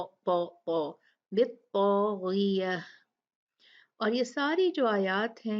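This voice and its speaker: A woman gives a recitation lesson and talks at an unhurried, careful pace. She repeats each example word and explains the rules patiently. The recording sounds dull and lo-fi. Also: medium pitch. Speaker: Quran recitation teacher.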